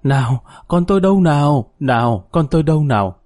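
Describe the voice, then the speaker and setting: A man's voice: fairly high pitch, lively intonation, brisk, darkish tone, no echo, clean studio sound, close to an everyday voice. A man voicing a distraught, doting middle-aged mother who wails and scolds shrilly. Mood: tearful.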